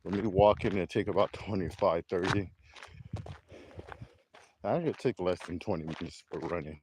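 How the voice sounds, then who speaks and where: Man, handheld phone video, fairly low voice, relaxed rambling chat, outdoor trail walk, noticeable outdoor noise. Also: normal speed. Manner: relaxed, rambling, self-amused. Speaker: vlogger. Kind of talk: casual walking vlog. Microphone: handheld camera while walking and jogging.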